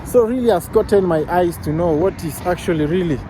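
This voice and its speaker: A young Kenyan man with a Kenyan accent vlogs while walking outdoors in the city, chatting casually, rambling a bit, and correcting himself. His voice is high and fairly quick, with traffic noise in the background.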